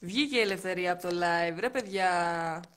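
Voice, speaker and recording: A woman's voice: fairly low pitch, a bit bright, slight background noise. A woman hosting a casual live stream from indoors, teasing and coaxing viewers and guests on a phone mic. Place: indoors next to a heater.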